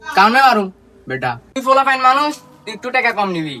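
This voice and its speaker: High, bright, hot-headed Bangladeshi lad acted by a man. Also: very animated, quick pace, faint music behind, full character voice. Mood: quarrelsome. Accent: Bangladeshi regional Bengali. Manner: blunt, quarrelsome. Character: hot-headed, greedy older lad squabbling over money. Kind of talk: comedy skit acting.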